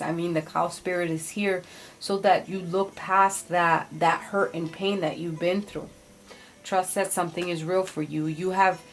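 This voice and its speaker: A woman with a low voice gives a spiritual tarot reading over music. Her intonation stays fairly flat as she thinks aloud, pausing and restarting. She hands out blunt, casual advice like a card reader. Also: slight background noise.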